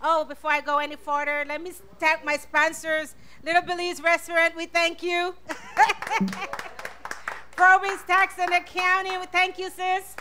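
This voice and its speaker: A woman's voice: very high-pitched, little pitch movement, normal speed, hardly any pauses, bright, forceful tone, slight background noise. A woman hosting a live community radio talk show, thanking sponsors and welcoming guests to an audience.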